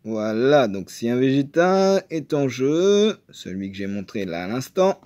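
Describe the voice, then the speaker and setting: A man chatting casually while opening trading card boosters, excitable and full of hesitations. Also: medium pitch, a little slow. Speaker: card game video maker.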